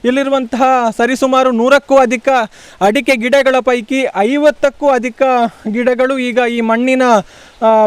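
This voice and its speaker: A man's voice: extremely high pitch, clean tone, dry recording. A man reporting news on location outdoors, earnestly explaining to viewers what they can see. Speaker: field reporter. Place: outdoors on a hillside plantation.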